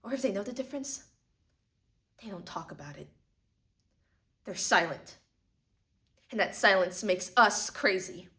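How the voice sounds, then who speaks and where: A woman performing a dramatic stage monologue as a sorrowful, bitter tragic heroine, intense and swinging between hushed and forceful delivery. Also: medium pitch, lively intonation, a little slow, pauses often. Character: Rose, sorrowful, bitter woman haunted by poverty and madness. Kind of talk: dramatic monologue, theatrical acting.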